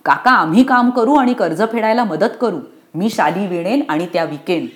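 A woman voicing a brave young village girl on crutches, in a storybook reading, speaking in a high, urgent and pleading way. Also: expressive, moderate pace, lightly acted.

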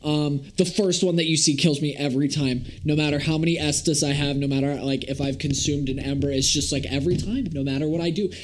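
Blunt young man, slightly high voice. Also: fairly even intonation, quick pace, few pauses. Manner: blunt, sweary, rambling. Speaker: podcast co-host. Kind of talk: casual chat about games.

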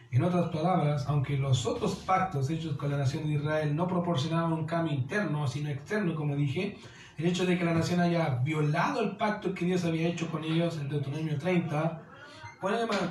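A man's voice: fairly high pitch, echoey room, a little hiss or hum, rough recording. A man preaching a sermon as pastor, earnest and direct, often calling listeners "querido".

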